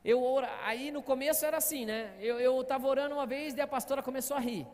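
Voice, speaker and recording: Fast-talking pastor, echoey hall. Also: male voice, extremely high pitch, steady tone, darkish tone. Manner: storytelling, often asking the congregation "Amém, amados?". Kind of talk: sermon. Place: church hall.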